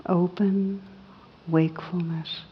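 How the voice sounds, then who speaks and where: A woman teaching meditation, guiding softly paced practice in a soothing, unhurried manner with long pauses between short phrases. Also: lowish voice, little pitch movement, breathy edge. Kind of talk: guided meditation. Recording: muffled, reverberant hall recording.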